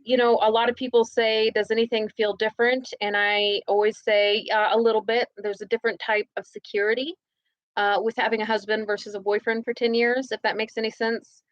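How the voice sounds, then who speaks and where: A woman's voice: a little high, flat delivery, brisk, no room sound, muffled recording. A woman in her thirties resting at home, casually chatting on a livestream and reading viewer comments aloud. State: recovering, resting in bed. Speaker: livestream co-host.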